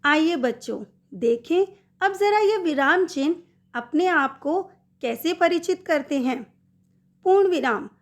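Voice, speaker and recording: A middle-aged woman teaching a Hindi grammar lesson to schoolchildren, speaking some examples in an animated voice. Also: high voice. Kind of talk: slow recorded classroom lesson.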